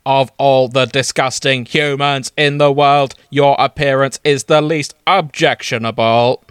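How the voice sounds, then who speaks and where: A man's voice: medium pitch, measured pace, clear, resonant tone, no echo, natural voice. A man voicing a formal, robotic male Dalek in a comedic fan-fiction reading. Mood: deadpan. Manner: flat, formal, clinical phrasing.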